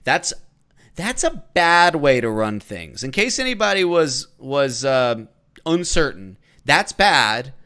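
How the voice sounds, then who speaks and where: Man, podcast co-host, blunt, opinionated, slow emphatic stresses. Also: medium pitch, sing-song, bright, forceful tone. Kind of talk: casual podcast discussion.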